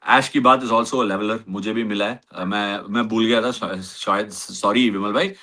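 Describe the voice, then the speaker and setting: A man's voice: lowish voice, steady tone, measured pace, bright, forceful tone. A man with an Indian accent hosting a casual cricket chat, switching between Hindi and English and teasing his co-host. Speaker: cricket show host and former Test player.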